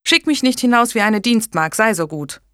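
A woman reading an audiobook, voicing an outspoken, spirited noble aunt with a lively manner. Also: a little high, normal speed, dry recording, clean studio sound, voice pushed up.

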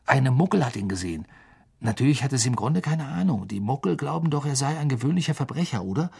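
A man voicing an eager schoolboy who shares news in a quick, hushed voice. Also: mid-range voice, very animated, creaky, breathy edge, heavily acted. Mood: excited gossip.

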